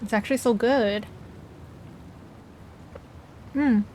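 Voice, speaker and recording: Woman streamer, slightly high voice, chatting casually with her viewers between bites. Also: slow, mellow, a little hiss or hum. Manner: chatty, reacts to chat messages aloud, talks while eating. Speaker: livestreamer.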